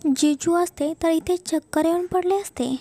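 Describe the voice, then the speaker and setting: Woman reading a cheeky teasing girlfriend, high and gravelly. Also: measured pace, warm tone. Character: playful teasing young woman, bride's friend. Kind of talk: storybook narration.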